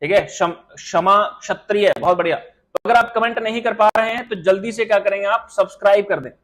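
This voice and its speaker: A man's voice: high voice, fairly bright tone, poor audio. A man teaching a live online quiz class, rattling off questions and praising or teasing students by name. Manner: rapid quiz-master patter, praising viewers by name. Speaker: exam coaching teacher. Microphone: live stream mic with audio glitches.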